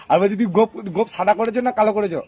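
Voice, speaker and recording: A man's voice: high-pitched, mellow, slightly rough. A man from Bengal running a prank interview, teasing and repeating the same question over and over.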